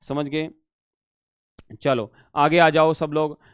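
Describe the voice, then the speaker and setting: A man's voice: fairly high pitch, level tone, slow pace, smooth, dry recording, clean studio sound. A male teacher giving a live exam-prep lesson, reading Sanskrit questions aloud, then explaining them in Hindi and coaxing students to answer. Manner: calls students "beta".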